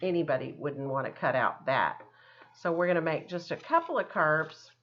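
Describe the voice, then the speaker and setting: A woman art teacher gives a demonstration, walking children through a craft step by step in a chatty, encouraging, casual style. Her voice is deep and a bit bright, with lively intonation and a moderate pace, though the audio sounds dull.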